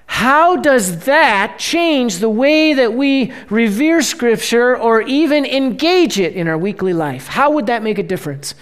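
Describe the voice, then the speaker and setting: A preacher giving a sermon at an ordinary, middling pitch. The delivery is conversational and keeps checking in with the congregation. Emphatic, lifted bursts give way to quiet, drawn-out phrases. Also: lively intonation, clear, resonant tone. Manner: conversational preaching, frequent "right?" check-ins; swings between emphatic bursts and hushed, slowed phrases.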